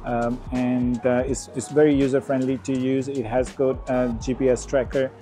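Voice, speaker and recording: A middle-aged man explaining motorcycle security in a casual vlog, outdoors on a residential street, pausing often with ums and uhs. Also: medium pitch, little pitch movement, warm tone, soft background music. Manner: hesitant, many ums and uhs. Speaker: motorcycle vlogger.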